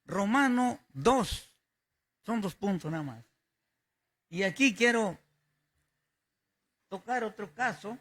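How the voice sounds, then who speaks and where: A male pastor delivers a sermon in a high, forceful voice. He preaches slowly and emphatically and often repeats his key phrases. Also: animated.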